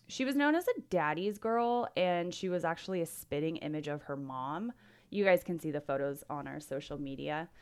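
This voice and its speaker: A woman with a lowish voice co-hosting a true-crime podcast. She narrates the case in a loose, chatty way, breaking into laughs. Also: smooth. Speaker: podcast co-host.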